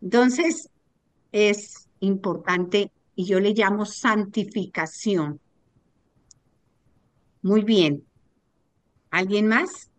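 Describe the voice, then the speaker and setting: Slow-speaking woman pastor. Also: medium pitch, no echo. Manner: encouraging, brief affirmations. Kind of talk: leading a group discussion.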